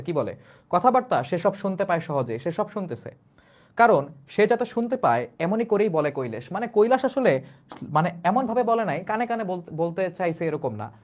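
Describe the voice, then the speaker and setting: A young male teacher with a Bangladeshi Bengali accent. His voice sits a little high, and he talks in a loose, repetitive explaining style. He keeps rephrasing things and putting questions to his class. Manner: repetitive, restates lines in plain colloquial words, asks rhetorical questions.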